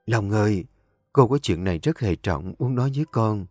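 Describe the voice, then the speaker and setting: A man's voice: medium pitch, animated, moderate pace, a little mellow, no echo, clean studio sound, soft background music, close to an everyday voice. A man voicing a determined, tender young woman from the countryside, talking in an emotional, pleading way. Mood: gentle.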